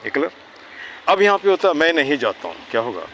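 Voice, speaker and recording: A man's voice: on the high side, big pitch swings, quick pace, a bit bright, a little hiss or hum. A man teaching English grammar to children in Hindi, patiently checking that they understand. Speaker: English tutor. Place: outdoors near traffic.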